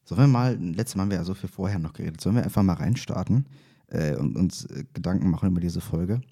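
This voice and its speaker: A man hosts a casual fan podcast with a lowish, soft-toned voice that is slightly husky. He speaks informally and hesitantly, rambling through his thoughts. The space around him echoes like a hallway. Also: fast talker. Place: echoey space outside the studio.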